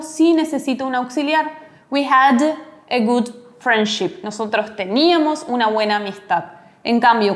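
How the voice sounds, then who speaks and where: A woman giving a recorded English class, explaining step by step and slowing down to model each English word. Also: fairly high pitch. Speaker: English teacher.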